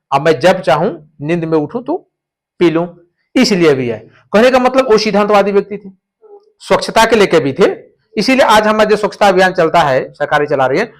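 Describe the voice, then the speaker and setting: A male teacher giving a classroom lecture, explaining points through stories and repeating the key terms. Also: high-pitched.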